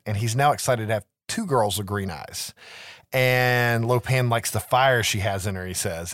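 A man's voice: medium pitch, a bit bright, no echo. A man recaps a film in loose, profane podcast chatter. He often checks in with a tossed-off "right?" as he goes. His voice sits close on a dry mic with no room sound. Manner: laid-back, swears, keeps adding "right?". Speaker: podcast host. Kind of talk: casual movie recap chat.

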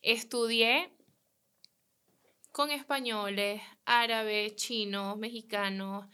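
Bright-voiced Venezuelan woman telling a story. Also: on the high side, slow, smooth. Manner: animated storytelling, acts out dialogue. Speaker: guest. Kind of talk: casual interview chat.

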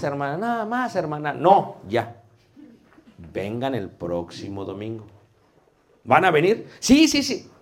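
Slow, questioning preaching teacher. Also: male voice, medium pitch. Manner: animated, asks the class questions, drops to a soft voice for effect. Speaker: homiletics teacher. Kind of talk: classroom lecture on preaching.

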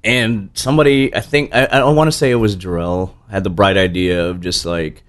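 A tired bartender in his thirties, appearing as a guest in a casual interview chat, tells rambling stories full of restarts and the occasional curse. His voice sits low with fairly even intonation, and he speaks fairly quickly.

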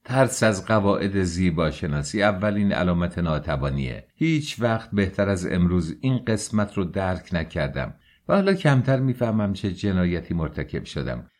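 A man's voice: sits low, big pitch swings, darkish tone. A man voicing a proud, tormented young man who argues heatedly and bitterly.

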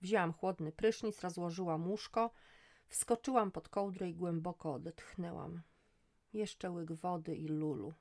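A middle-aged woman reading a first-person story aloud, lifting her voice for the dialogue. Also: a little slow. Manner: voices dialogue with lively rises in pitch. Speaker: audiobook narrator. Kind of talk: first-person audiobook narration.

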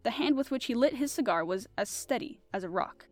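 A woman podcast host reading a classic mystery novel aloud in an expressive, animated style. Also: fairly high pitch, fairly quick, soft background music. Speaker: podcast host and audiobook reader. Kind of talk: audiobook narration.

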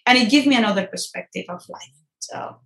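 A woman from Colombia in her thirties with a Colombian Spanish accent, a native Spanish speaker, talking earnestly and quickly as an interview guest, often restarting her sentences. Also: mid-range voice, a bit bright. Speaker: guest, chess grandmaster. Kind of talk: casual interview talk. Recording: roomy echo.

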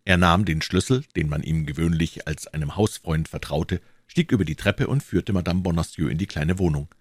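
A man narrating a classic novel as an audiobook in a measured, expressive reading. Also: deep voice, no echo, studio quality.

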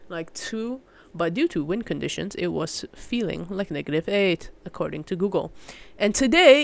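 This smooth, medium-pitched voice belongs to a young Malaysian solo podcast host chatting casually. The delivery rambles informally, often cutting off and restarting, with some mild slang.

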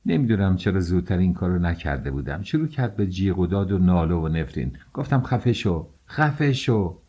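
Male audiobook narrator, deep voice, husky, measured first-person reading. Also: dark tone.

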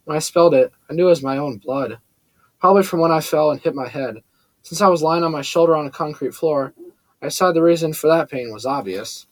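A man narrates a first-person story in a measured, steady way, with a voice sitting a touch higher than most men's. The recording is close and completely dry, with no room sound. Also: no echo. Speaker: audiobook narrator.

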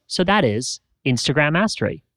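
A man co-hosting a podcast, chatting casually and reading a playful, animated sales pitch. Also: moderate pace, no room sound. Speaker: podcast co-host. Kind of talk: casual podcast chat with ad read.

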